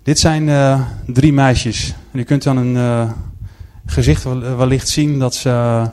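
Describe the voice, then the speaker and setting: A man speaks to a gathered audience in a church-style presentation, talking through pictures on a screen. He tells his stories earnestly, at a middle pitch, and often pauses on hesitant filler sounds. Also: steady tone, a little mellow. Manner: earnest storytelling.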